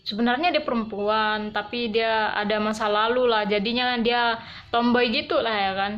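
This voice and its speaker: A woman vlogger casually telling a personal story to camera in slangy, animated speech, with quick swings in emotion. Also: a little high, dull audio, faint music behind.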